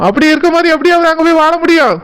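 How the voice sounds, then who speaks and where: Guy doing a hotheaded cartoon big brother, tirunelveli accent, oddly high voice. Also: racing, fairly bright tone. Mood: gruff. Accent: Tirunelveli Tamil. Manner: blustering, threatening. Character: protective older brother, hot-tempered villager.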